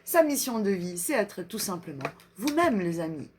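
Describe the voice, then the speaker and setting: A woman doing a live card reading, slowly reading self-love affirmations aloud and chatting with her viewers between them. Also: mid-range voice, big pitch swings, slight background noise. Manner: slow, drawn-out reading of affirmations, chatty asides. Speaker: energy reader and card reader.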